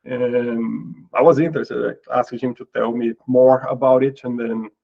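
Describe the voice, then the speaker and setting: A middle-aged man from Brazil speaks with a Portuguese accent and a gravelly voice, pausing and repeating words as he gathers his thoughts. His audio sounds a little dull and lo-fi, like a remote call. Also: mid-range voice, fairly even intonation. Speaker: guest. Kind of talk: casual interview talk.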